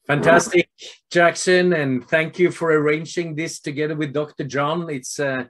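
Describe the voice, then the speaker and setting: Norwegian man in his fifties presenting. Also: fairly high pitch. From Norway. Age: 50s. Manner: earnest, steady, with frequent filler pauses. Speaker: health product presenter. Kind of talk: remote presentation to doctors. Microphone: video call.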